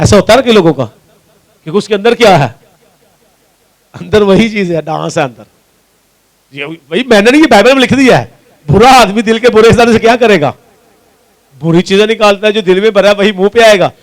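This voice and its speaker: A man's voice: high-pitched, low-quality recording. A male pastor from Pakistan with a Punjabi accent, preaching a sermon and answering his own questions to the congregation. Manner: asks the congregation questions and answers them himself; repeats key lines for emphasis.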